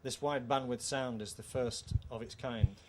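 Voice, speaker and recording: A middle-aged British co-founder presents his company's product in an interview at an indoor trade show, explaining the technical side in a measured, formal way. His voice sits at medium pitch with a steady, somewhat dark tone. He speaks into a handheld mic, with the show-room ambience clearly audible behind him.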